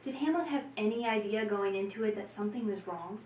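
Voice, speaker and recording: A woman's voice: medium pitch, fast, darkish tone, a little hiss or hum, close to an everyday voice. A woman playing a composed talk show host, asking formal interview questions. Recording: echoey room.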